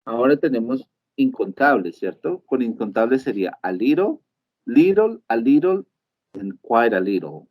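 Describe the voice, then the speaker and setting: A man's voice: medium pitch, big pitch swings, measured pace, highs cut off. A male teacher gives a live online lesson. He explains step by step and keeps checking in with his students. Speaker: English teacher.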